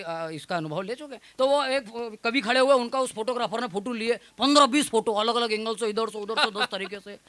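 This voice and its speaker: Young male comic poet on stage, very high, piercing voice, self-mocking storyteller who ribs the crowd. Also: pushed and bright. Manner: self-mocking, teasing the audience. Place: live stage before an audience.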